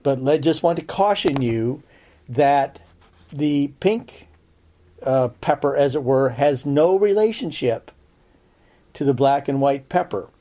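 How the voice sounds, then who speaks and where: A man's voice: medium pitch, animated, takes it slowly, mellow. A man giving a casual spoken lesson on herbs for a podcast, chatty and checking in with his listeners, with dry sarcastic asides. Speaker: herbal lore teacher on a podcast.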